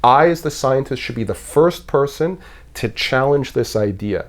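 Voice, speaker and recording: A man's voice: mid-range voice, expressive, moderate pace. A man from Canada, a podcast guest, talking in a thoughtful, rambling way with frequent restarts. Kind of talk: casual conversational interview.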